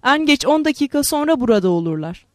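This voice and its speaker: A woman's voice: high voice, very animated, fast, a little mellow, no room sound, clean studio sound. A woman reading a story aloud voices an irritable young man fleeing with his friends. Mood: tense. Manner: curt, irritable. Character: young man on the run, angry and tense.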